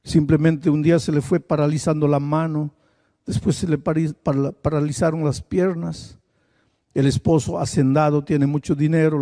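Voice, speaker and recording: A man's voice: fairly high pitch, mellow. A male preacher delivering a sermon, telling a story with dramatic storytelling emphasis. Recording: echoing large hall with long reverb.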